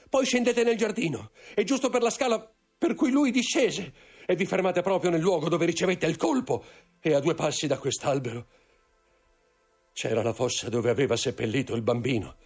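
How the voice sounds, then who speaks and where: A frightened Corsican steward, his voice pushed high above the reader's own and swinging wildly as he pleads. The sound stays husky and gravelly underneath. A man performs him in an audiobook reading. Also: a little mellow. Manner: pleading, panicked outbursts. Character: terrified middle-aged male Corsican steward. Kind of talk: audiobook character voice.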